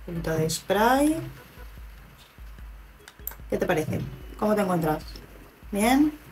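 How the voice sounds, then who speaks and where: Playful woman with a lowish voice. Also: darkish tone, low-quality recording. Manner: playful, chatty, talks to the patients with mock-professional pride. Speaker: gaming video host. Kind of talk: casual gameplay commentary.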